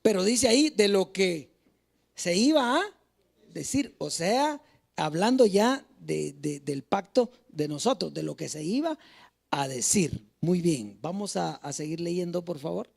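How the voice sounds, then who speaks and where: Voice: mid-range voice, animated, unhurried, creaky, a little mellow. A preacher giving a sermon in a church, reading Bible verses aloud and putting questions to the congregation in a declaiming way.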